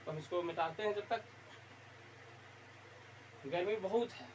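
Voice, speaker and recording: A grammar teacher at a board in a warm room, who asks a question and then answers it, repeating each key point several times. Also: mid-range voice, unhurried. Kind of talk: classroom board lesson. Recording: dull lo-fi sound with faint hiss.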